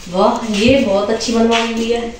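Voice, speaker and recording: A woman's voice: on the high side, level tone, normal speed. A middle-aged woman from Pakistan with a Pakistani Urdu accent, chatting to viewers as she gives a casual tour of a village house and its rooftop. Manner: chatty, addresses viewers as friends, points things out. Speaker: vlogger. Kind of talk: casual home tour vlog. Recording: roomy sound with clear background noise.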